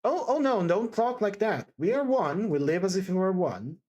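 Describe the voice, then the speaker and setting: A woman narrator voices a timid, deeply distressed young woman from a classic storybook in dramatised audiobook dialogue, her voice rising high and swinging widely as she pleads with fervent compassion. Agitated and protesting, she's very animated and slightly rough, halting and stammering with breathless repetitions and emphatic exclamations. The sound is lo-fi.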